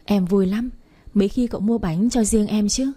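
Chatty woman storyteller, warm low-brightness voice, slightly breathy; talks to listeners directly. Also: normal speed. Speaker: story narrator. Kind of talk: first-person romance story reading.

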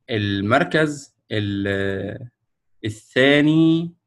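An Egyptian man with a lowish voice and an Egyptian Arabic accent hosts an online award ceremony over a video call, sharing his screen as he announces winners. His delivery is slow and halting, full of fillers and restarts.

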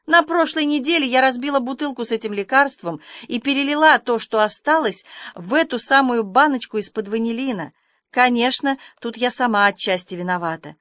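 A woman voicing a stern but fair older spinster in an audiobook reading, brisk and scolding. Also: a little high, a bit bright, dry recording, voice pushed up, natural voice. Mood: alarmed scolding.

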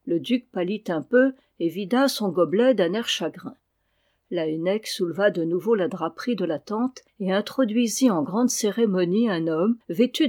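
A measured reader telling a classic adventure novel, each sentence carried at an even pace. The delivery is plain and clear, a literary audiobook narration. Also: mid-range voice. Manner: steady, measured reading.

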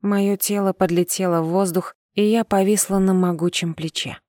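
A woman narrates a first-person novel in a measured, steady voice, at a middle pitch for a woman. The recording is close and dry, with no room sound around it. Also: no echo. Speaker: audiobook narrator.

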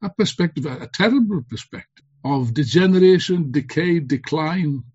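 A husky male orator with a fairly high pitch delivers a fiery revolutionary speech. He drives points home with repetition and rhetorical questions. The sound is slightly dull and lo-fi. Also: lively intonation, normal speed, darkish tone. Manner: emphatic, rhetorical questions and repeated phrases for emphasis. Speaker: political speaker at an online school.

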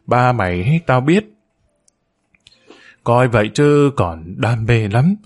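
A man's voice: mid-range voice, expressive, takes it slowly. A man voicing a grieving, jealous middle-aged mother who scolds with bitter resentment in a storybook reading. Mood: bitter, tearful.

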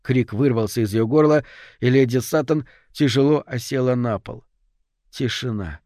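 A man narrating a horror story in a steady, measured audiobook read. His voice sits at an ordinary middle pitch. The sound is close and dry, with no room around it. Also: no room sound.

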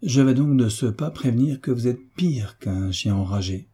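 A man's voice: medium pitch, expressive, normal speed, mellow, breathy edge. A man reading as a blunt old navy commander. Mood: indignant. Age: older. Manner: frank, firm, plain-spoken.

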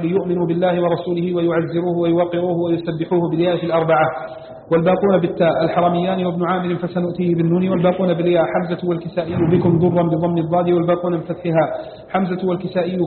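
Male reader, rapid level recitation, slightly high voice, roomy hall, phone-like sound. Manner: fast, even reading with little pitch movement. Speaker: student reading a text aloud. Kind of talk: rapid recitation of a classical text. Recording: echoey hall on a tinny, hissy line.

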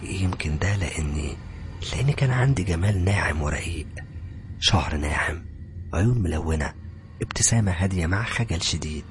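A man with an Egyptian Arabic accent, dramatically narrating a horror story in a hushed, breathy voice that swells into loud cries. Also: low-pitched, expressive, brisk, soft background music.

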